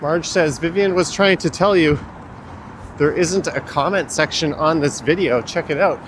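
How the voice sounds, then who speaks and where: Higher-voiced man, sniffling, on noisy street. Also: moderate pace. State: sniffling from the cold. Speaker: livestream host. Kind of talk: casual walking livestream commentary. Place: outdoors, walking along a city street in winter. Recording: clear street traffic noise outdoors. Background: traffic and urban street noise.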